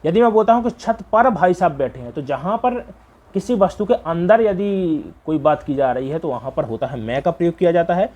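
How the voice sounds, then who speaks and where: A man's voice: fairly high pitch, animated, fairly quick, darkish tone. A man teaching a Hindi grammar exam revision lesson. He keeps repeating each answer back as a question to his students and checks in with frequent fillers.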